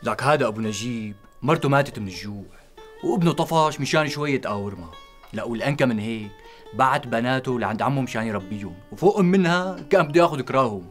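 An actor playing a gossipy neighborhood friend who mocks and teases, with a Damascene Arabic accent. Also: male voice, mid-range voice, animated, fast talker, natural voice. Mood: teasing. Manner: mocking, gossipy, laughing at his friend. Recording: TV drama audio with music behind.

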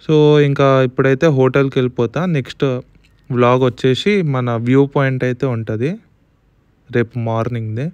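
A man's voice: medium pitch, flat delivery, a little fast, a little mellow, clear, resonant tone, no echo, dull audio. A man narrating his motorcycle travel vlog in a casual, chatty way, with parts recorded afterwards as voice-over. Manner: chatty, often starts sentences with "so". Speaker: motorcycle vlogger.

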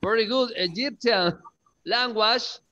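A male English teacher giving a class, repeating words slowly and checking in with questions. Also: high voice, pushed and bright, lo-fi sound. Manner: coaxing, checks in with frequent questions. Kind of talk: classroom lesson.

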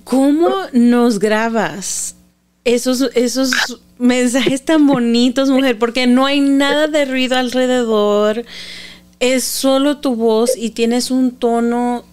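A woman with a slightly higher voice hosts the talk, speaking slowly and unhurriedly. Her tone is smooth and clear. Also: fairly even intonation, a little mellow. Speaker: podcast host. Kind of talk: conversational interview.

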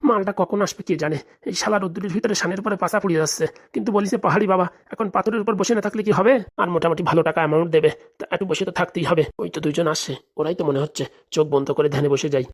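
A man's voice: high voice, rapid-fire. A man voicing a greedy, grumbling fake holy man in a cartoon comedy, who mutters complaints and then drones mantras.

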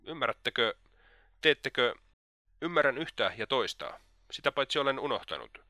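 A man's voice: medium pitch, expressive, bright, forceful tone, no room sound, clean studio sound, pitched above the performer's own voice. A man voicing Svidrigailov, a sly, mocking old libertine who is slightly drunk.

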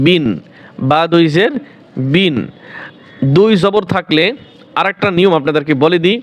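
A man teaching the rules for reading the Quran, asking questions and answering them himself, and repeating each word slowly. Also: sits high, dull audio. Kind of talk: explaining rules to viewers.

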